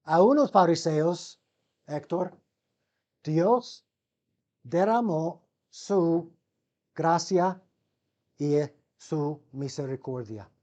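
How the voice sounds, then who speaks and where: A man's voice: a little high, extremely slow, pauses often, a little mellow. A man giving a seminary Bible lecture, calling his listeners brothers, asking them rhetorical questions and often restarting words mid-sentence. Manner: asks the class rhetorical questions.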